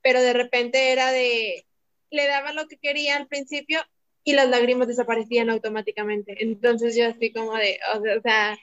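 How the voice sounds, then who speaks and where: A woman's voice: on the high side, steady tone, fairly quick, fairly bright tone. Lady teacher chatting on a podcast, tells stories, little laughs, kinda muffled sound. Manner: talkative, tells anecdotes, laughs lightly while speaking. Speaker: podcast guest, teacher and mother. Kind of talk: casual conversation. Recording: dull lo-fi audio.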